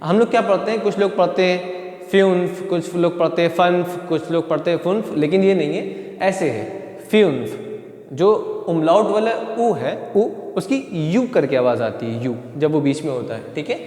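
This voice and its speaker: A man teaching a German class for beginners, asking his students questions and explaining each step slowly. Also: on the high side, animated, a little mellow. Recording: echoey room, long reverb.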